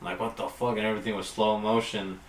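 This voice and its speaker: A man with a lowish voice gropes for words, halting and filling gaps with likes and you-knows. He sits back from the mic in an echoey room, with faint noise behind him. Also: flat delivery, far from the mic. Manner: halting, filler-heavy. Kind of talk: casual chat.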